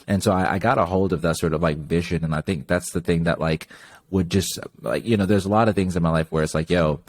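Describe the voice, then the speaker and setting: A young man from Zimbabwe chats easily as a podcast guest, his voice sitting very low. The sound is dry and close, and he keeps dropping in loose filler words. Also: fast talker, no echo. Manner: relaxed, chatty, lots of "like" fillers. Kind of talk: casual interview chat.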